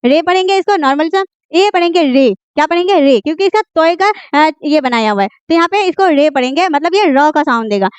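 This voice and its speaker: Woman teacher, very high voice, dry close sound; patient, repeats her own questions, pauses on fillers. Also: animated, dry recording. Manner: patient, repeats questions and answers them herself; frequent fillers and self-corrections. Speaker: Urdu teacher. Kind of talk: online language lesson.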